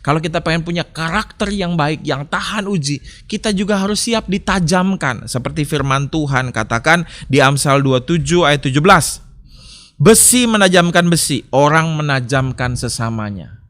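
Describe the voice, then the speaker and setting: High-voiced man preaching a sermon. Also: expressive, normal speed, a bit bright. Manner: chatty storytelling with frequent filler tags. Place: church online service.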